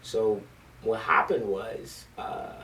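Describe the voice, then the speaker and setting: In a conversational library interview, a man who directs a school band recounts stories eagerly, with many ums and false starts. His fairly low voice is slow and steady, bright and forceful, though the audio is poor, distant, and carries slight background noise.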